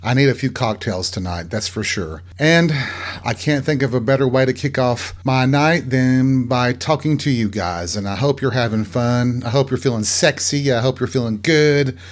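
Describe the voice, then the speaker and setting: A man of middle pitch hosts his own show, talking on his own in a chatty, campy way. He breaks off into cheeky self-mocking asides as he goes. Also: normal speed. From American South. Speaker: podcast host. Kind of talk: solo comedic monologue.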